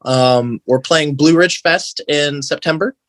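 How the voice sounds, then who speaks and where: This podcast guest, a band guitarist from the American Midwest, talks in an earnest, informal way, sprinkling in slang and plenty of "like." His slightly high voice is unhurried and a bit bright, recorded without any room sound.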